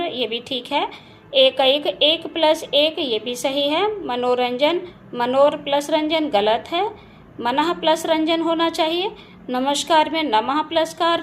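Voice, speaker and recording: A woman teaching Hindi grammar for exam prep, going through answers patiently and spelling words out sound by sound. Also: sits high. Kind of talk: exam-prep lesson, checking answers aloud. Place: home beside a railway track. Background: faint household ambience, occasional train noise.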